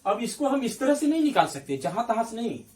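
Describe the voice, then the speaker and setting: A man's voice: very high voice, sing-song, fairly quick, darkish tone, distant mic. A man teaching Hindi grammar at a board, explaining step by step, spelling out syllables and asking checking questions. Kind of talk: classroom-style grammar lesson at a board.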